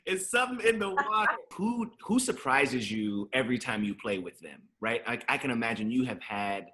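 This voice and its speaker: A man hosting an entertainment interview, asking questions eagerly and reacting quickly. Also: medium pitch, big pitch swings, bright, forceful tone. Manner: enthusiastic, fast, quick to react. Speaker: entertainment show host. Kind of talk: casual interview.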